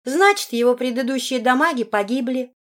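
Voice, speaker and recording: A woman voicing a haughty, sharp-tongued teenage girl student who talks in a blunt, condescending way. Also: sits high, brisk, pitched above the performer's own voice.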